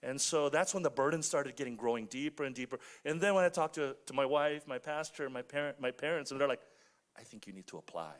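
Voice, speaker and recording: A man's voice: a little high, fast talker, few pauses. A man on a conference panel reflecting on his own story, listing things in short phrases. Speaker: panel guest.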